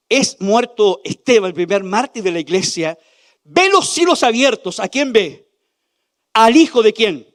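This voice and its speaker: A man preaching a sermon as pastor, asking the congregation questions and swinging from loud declarations to hushed near-whispers. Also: high voice. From Chile.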